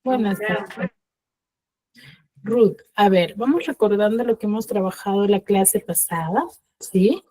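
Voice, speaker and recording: A woman's voice: mid-range voice, takes it slowly, pauses often, dark tone. A woman teacher explaining a grammar lesson in an online class, checking in often with short questions. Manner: explains step by step, checks in with frequent "¿sí?". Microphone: video call.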